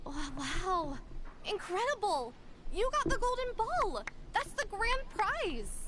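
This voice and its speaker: High-pitched, polite festival attendant. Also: female voice, very animated, slow, heavy background noise, heavily acted. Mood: excited. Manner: formal, chirpy customer service. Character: polite, bright young female festival booth attendant. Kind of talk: video game character acting. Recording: music behind the voice.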